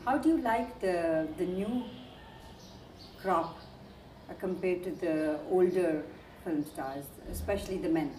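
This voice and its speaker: A woman interviewer asking probing questions with quick follow-ups. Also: on the low side, mellow, echoey room, slight background noise.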